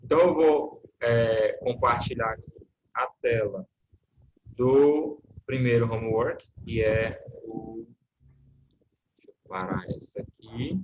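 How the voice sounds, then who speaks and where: A man's voice: mid-range voice, takes it slowly, highs cut off, a little hiss or hum. A man, an English teacher, explaining lessons in an online class and checking in often with his student. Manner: patient, checks in with frequent "né?" and "tá?".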